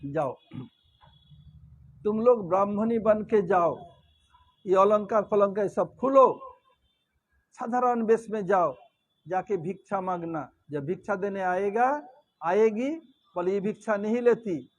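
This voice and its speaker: A sly male sage laying out a plan in a low, measured voice, as a man telling a sermon puts him on. He is steady and knowing, even though the speaker's own voice runs high. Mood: scheming. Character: sage Narada, scheming male advisor, calm and sly.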